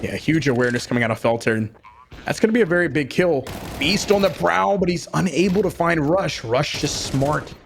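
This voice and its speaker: A man giving live esports commentary and analysis as a caster, in measured, halting phrases. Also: fairly high pitch, lively intonation, vocal fry, slight background noise.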